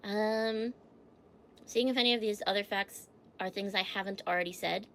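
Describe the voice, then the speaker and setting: A woman's voice: medium pitch, normal speed, a bit bright, a little hiss or hum. A woman streamer in casual livestream chat, giggling as she reads facts aloud and answers her chat. She sounds a little stuffy from allergies.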